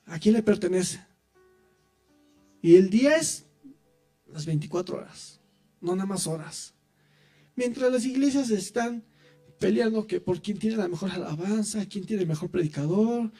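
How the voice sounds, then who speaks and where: A man giving his testimony in church, telling his story in an animated way and speaking straight to the listeners. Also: sits high. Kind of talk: preaching testimony.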